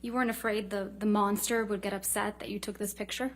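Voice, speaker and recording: A woman's voice: medium pitch, flat delivery, a little fast. A woman lawyer cross-examining a witness in a courtroom, firing clipped, leading questions that often end in a short tag.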